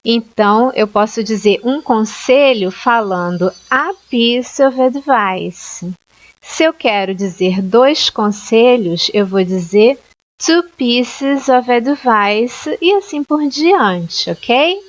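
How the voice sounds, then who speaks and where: A Brazilian woman teaching an English lesson, explaining grammar slowly and clearly and often checking with "ok?". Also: fairly high pitch, expressive. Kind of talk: online language lesson. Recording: dull lo-fi sound.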